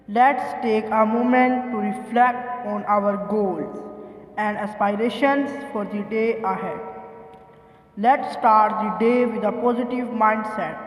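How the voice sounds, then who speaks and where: A man with a strikingly high voice delivers a school assembly speech to students at a slow, deliberate pace. He is earnest and formal, like a teacher addressing the school, and sounds distant in a very echoey hall.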